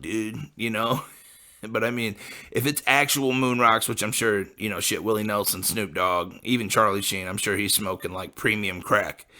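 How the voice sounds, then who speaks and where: Pushed and bright yet pitched on the low side, this late-twenties Midwestern man rambles as a podcast host. He keeps things casual and profane, leaning heavily on fillers such as "like" and "you know."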